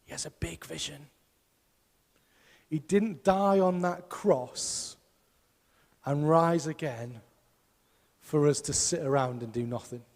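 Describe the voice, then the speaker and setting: A man's voice: fairly high pitch, takes it slowly, gravelly, pauses often, a little mellow, long reverb tail. A man preaching a sermon as pastor, emphatic and putting rhetorical questions to his congregation. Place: church hall.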